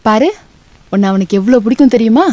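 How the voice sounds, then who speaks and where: An actress playing a doting mother who talks in a coaxing, lively way. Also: a little high, fast talker, no room sound, natural voice. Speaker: film character. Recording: dry film soundtrack with faint music.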